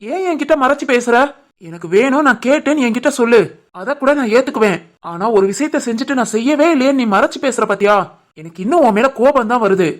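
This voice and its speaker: A woman voicing a stubborn but loving young village husband in an animated family story, with a Tirunelveli Tamil accent, talking in an insistent, scolding way. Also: a little high, fast, lightly acted. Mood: reproachful. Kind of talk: animated family drama voice acting.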